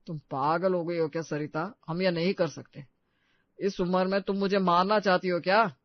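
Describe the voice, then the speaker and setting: A woman voicing an elderly, cautious father-in-law who talks gruffly, in a dull, dry recording. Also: lowish voice, fairly even intonation, moderate pace, dry recording, lightly acted. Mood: alarmed.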